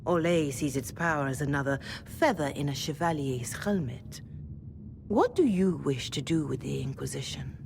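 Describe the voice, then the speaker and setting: A reverend mother in a fantasy game. The voice is very low for a woman yet moves expressively, courteous and solemn, with a faint rumble behind it. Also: expressive, a little mellow. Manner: formal, measured, deferential. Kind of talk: video game voice acting.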